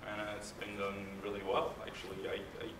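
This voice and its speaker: A man giving a casual conference talk, halting and hesitant with frequent restarts. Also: lowish voice, completely flat delivery. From Norway. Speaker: conference speaker, game composer. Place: large conference hall. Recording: echoey hall, distant mic, room noise.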